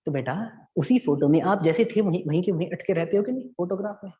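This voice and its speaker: A man's voice: sits high, lively intonation, fast, mellow. A man teaching physics in an online class in a playful, teasing way, calling his students "beta", heard through muffled audio. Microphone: online class setup.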